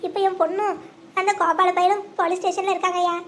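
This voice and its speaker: A high-voiced performer voicing an older village mother who pleads and wails for her jailed daughter. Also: flat delivery, fast, a bit bright, slight background noise. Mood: pleading. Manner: wailing, pleading.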